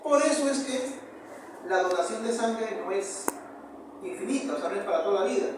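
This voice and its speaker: A man with a Peruvian accent giving a university histology lecture, often repeating key terms and asking the class quick questions. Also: high-pitched. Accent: Peruvian Spanish. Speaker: histology professor. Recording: very echoey room, far from mic, noisy.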